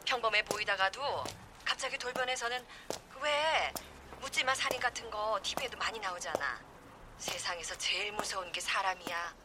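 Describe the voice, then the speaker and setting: A woman's voice: mid-range voice, normal speed, natural voice. Woman acting as a worried mom giving warnings, noise behind her. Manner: fretful and cautioning. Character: worried mother of an adult daughter. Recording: noticeable background noise.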